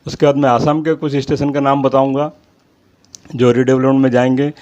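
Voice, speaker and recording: A man hosting his own channel, reading out a long list of names in a steady rhythm and apologizing now and then for his pronunciation. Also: medium pitch, brisk. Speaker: channel host. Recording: slightly dull lo-fi audio.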